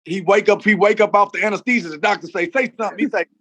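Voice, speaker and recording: High-voiced man telling a rambling joke. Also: quick pace. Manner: animated storyteller, repeats words while stumbling. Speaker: co-host. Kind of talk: casual chat, telling a long joke.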